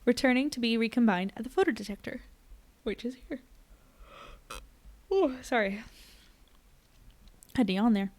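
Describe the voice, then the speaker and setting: A woman reading a popular science book aloud on a live stream, steady and clear, sometimes tripping over a word and laughing it off. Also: medium pitch. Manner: drops to a soft mumble when explaining a figure. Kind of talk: reading aloud with casual asides.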